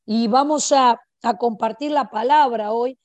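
A woman's voice: fairly high pitch, a little slow, darkish tone, no echo, muffled recording. An older woman with an Argentinian accent, preaching an informal sermon in a conversational way and often adding tag questions. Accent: Argentinian Spanish.

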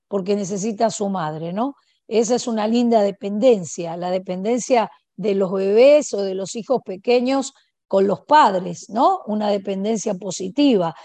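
A woman's voice: medium pitch, mellow, no echo. An older woman with an Argentinian accent, preaching an informal sermon in a conversational way and often adding tag questions. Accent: Argentinian Spanish.

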